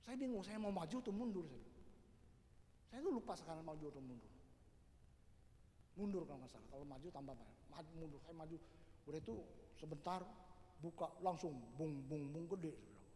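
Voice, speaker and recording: A middle-aged man from Indonesia preaching a sermon as a pastor, building from quiet personal testimony to shouted declarations. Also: a little high, animated, fairly quick, pauses often, slight background noise. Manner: preaching with rising shouts and repeated "saudara" tags. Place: large church hall. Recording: echoey hall reverb.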